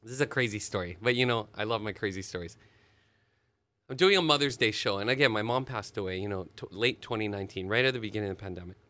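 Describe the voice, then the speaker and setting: A man, a musician telling stories in an animated, expressive way during an interview. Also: lowish voice, fast. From Hawaii. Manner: animated, expressive storyteller with sudden laughs. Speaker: musician guest. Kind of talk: casual storytelling interview.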